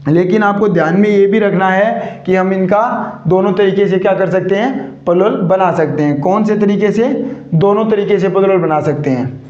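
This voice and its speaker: Male teacher, high voice, quizzing style, echoey room, dull lo-fi audio. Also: moderate pace, a little mellow. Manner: asks questions and repeats answers. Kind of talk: classroom grammar lesson.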